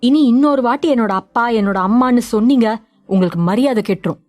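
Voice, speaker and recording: A woman voicing a defiant young daughter in a story, with a sharp, scolding way of talking. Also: fairly high pitch, fast, no room sound, lightly acted. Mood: furious. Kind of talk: audio drama reading.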